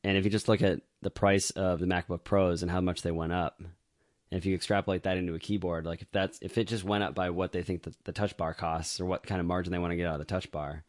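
A man with a very low voice chats casually on a podcast, rambling with fillers and laughing easily. His voice sits close and dry on the mic, with no room sound. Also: flat delivery, fast talker, dry recording. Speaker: podcast co-host. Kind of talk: casual chat.

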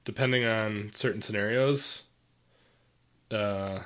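Opinionated man with a lowish voice. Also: fairly even intonation, slow pace, a bit bright. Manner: opinionated, argues his points firmly. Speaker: podcast co-host. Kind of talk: casual chat.

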